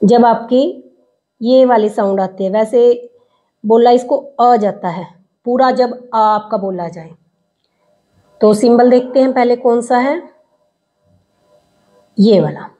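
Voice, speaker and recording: Woman, phonetics teacher, very slow speech, breaks words into syllables, muffled lo-fi recording. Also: on the high side, dark tone. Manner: sounds out words slowly, syllable by syllable. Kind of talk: slow classroom explanation. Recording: dull lo-fi recording.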